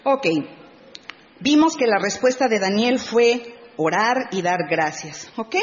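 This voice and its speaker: A woman giving a lively Bible lesson to a women's group. She tells stories with animation, reads scripture aloud and keeps asking her listeners questions. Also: on the high side, slow. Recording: dull sound in a reverberant hall.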